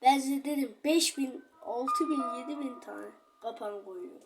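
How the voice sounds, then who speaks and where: Excitable high-voiced woman narrating gameplay. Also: measured pace, faint music behind. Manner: chatty, excitable, talks straight to viewers. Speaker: gaming channel host. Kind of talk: casual gameplay commentary.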